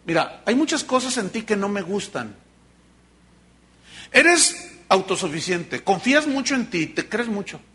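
A man's voice: high-pitched, big pitch swings, a little slow, sharp tone, exaggerated voice. A man voicing Jesus as a firm, fatherly teacher correcting a disciple. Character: Jesus, patient stern male teacher correcting.

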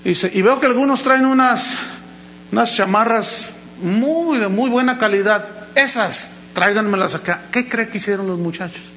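A man's voice: sits high, moderate pace, a bit bright, slight background noise, rough recording. A man preaching a sermon, telling stories animatedly and acting out the voices of the people he quotes. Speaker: pastor.

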